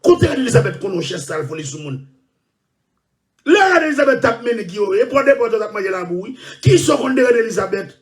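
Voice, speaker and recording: Shouting high-voiced man ranting. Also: big pitch swings, fairly quick, recorded from a distance. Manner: shouting, loud and repetitive. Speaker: online show host. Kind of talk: impassioned rant.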